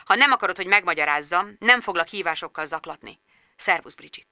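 A woman voicing a reserved, hurt man on the phone, speaking quietly and coolly in a dry, close recording. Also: on the low side, animated, dry recording, heavily acted.

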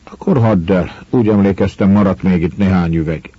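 A man reading the part of a young village woman who speaks softly and hesitantly. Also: deep voice, slightly rough, dry recording. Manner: soft, hesitant, stammering. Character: young village woman, anxious, ashamed, gentle. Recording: dull lo-fi recording.

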